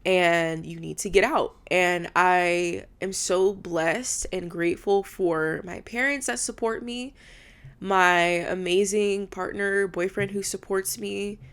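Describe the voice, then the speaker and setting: A woman's voice: lowish voice, steady tone, takes it slowly, a bit bright, clear, resonant tone. A woman in her twenties hosting a solo podcast from an apartment room, talking candidly and heartfelt, swearing freely. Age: 20s. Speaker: podcast host. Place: indoors in a rented apartment room.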